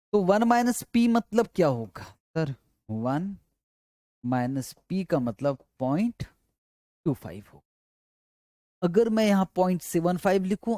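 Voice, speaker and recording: A man's voice: sits high, darkish tone, no echo, studio quality. A male teacher giving a classroom lecture, explaining step by step and coaxing, often asking students' questions and answering them himself. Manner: repetitive, coaxing.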